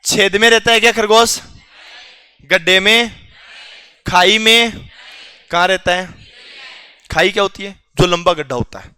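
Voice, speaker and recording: A man's voice: sits high, sharp tone, smooth, no echo. A male teacher quizzing his students in a classroom, teasing and joking with them as he goes, with a Rajasthani Hindi accent.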